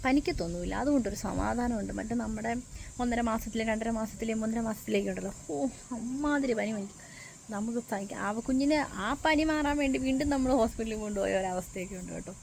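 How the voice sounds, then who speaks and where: A woman's voice: fairly high pitch, fast, gravelly, a little mellow, a little hiss or hum, rough recording. A mother chatting casually in a family vlog, explaining her day as she goes. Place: outdoors and in a car.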